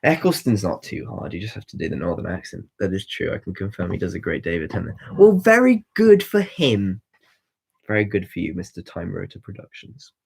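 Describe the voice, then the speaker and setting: A man's voice: low-pitched, fast, gravelly, hardly any pauses, breathy edge. A young man in his twenties hosting a casual livestream, rambling and chatty as he answers viewer comments with lots of ums and restarts. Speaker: livestream host.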